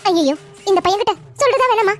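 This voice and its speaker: A nervous neighbor woman in a cartoon family drama stammers and pleads in a very high voice, as a woman plays her. She sounds hesitant and worried, with soft music underneath. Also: expressive, fast. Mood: anxious.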